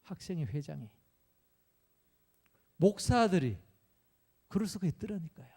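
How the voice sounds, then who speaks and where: A man's voice: high voice, sing-song, measured pace, darkish tone, breathy edge. A male pastor preaching a sermon, telling a personal story and acting out his own pleading, tearful prayers.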